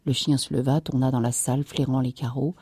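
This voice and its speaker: Low, dark-voiced woman narrator. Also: husky, no echo. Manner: measured, even reading. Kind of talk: audiobook reading of a novel.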